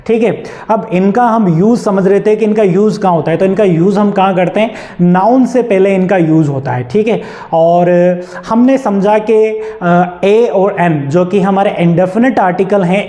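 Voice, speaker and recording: A man's voice: high-pitched, mellow. A young man with a Hindi accent teaching an English grammar lesson. He keeps asking the class questions and then answers them himself. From India.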